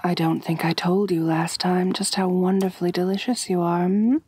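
In an intimate ASMR roleplay, a woman plays an elegant vampire mistress who is doting and gently dominant, her voice soft, breathy and husky on a dry, close mic. Pitched on the low side and steady, she coaxes slowly and genteelly, purring endearments with an intimate, hungry mood.

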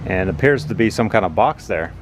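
A man narrating a walking tour outdoors on a city sidewalk, explaining things slowly and plainly as he films with a handheld phone. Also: lowish voice, animated, slight background noise. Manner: slow, plain, informative. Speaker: vlogger touring a building. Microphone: handheld phone camera.

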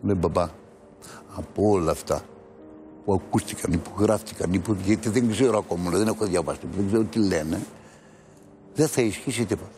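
Older priest guy, low voice, telling it all earnest and emotional, faint hiss behind. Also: long pauses, mellow. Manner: earnest storytelling, acting out quoted dialogue. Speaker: priest and father of the accused. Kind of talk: emotional personal account on a talk show. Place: television studio.

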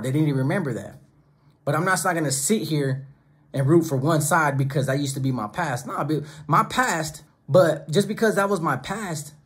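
Speaking with a slightly high, husky voice, a middle-aged man addresses the camera directly on his own YouTube channel. He's emphatic and preachy, with a habit of stacking phrases in lists, and sits at a desk close to the camera in a small home studio with monitors and speakers.

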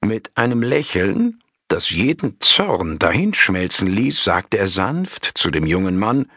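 A man reading a story aloud in a calm, measured storytelling manner. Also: fairly low pitch, no echo, clean studio sound. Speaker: audiobook narrator. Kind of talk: scripted narration of a story.

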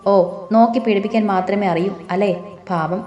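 A woman's voice: mid-range voice, brisk, darkish tone, echoey room, dull audio, close to an everyday voice. Woman reading as a mocking angry husband. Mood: taunting. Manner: sarcastic, taunting.

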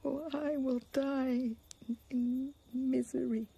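An actress playing a bitter, grieving young princess in a classical stage tragedy, impassioned, with sharp outbursts among low laments. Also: female voice, level tone, slow pace, gravelly, slightly rough, heavily acted. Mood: weary despair.

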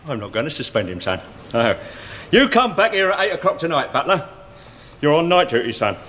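A smug, petty English bus inspector in a 1970s sitcom who gloats over his staff. His voice is bright and tense and sits a little high. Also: very animated, fairly quick. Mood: gloating. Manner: gloating, mocking, with chuckles.

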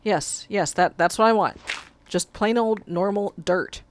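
Unhurried and mid-range, a woman with a cold offers casual gameplay commentary around a cough drop. She reads the quest text aloud and lets out curses at her mishaps as she plays.

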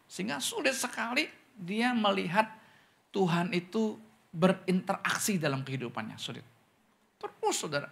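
Animated pastor man preaching a sermon. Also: normal speed, creaky, long pauses. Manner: animated preaching, often calls the congregation "saudara"; acts out questioners' voices in higher pitch.

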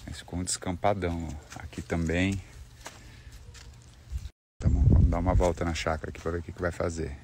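A man's voice: low voice, flat delivery, brisk, long pauses, background noise. A young man chatting casually to his phone camera outdoors on a country estate, easygoing and teasing. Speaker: vlogger. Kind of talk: casual vlog chat.

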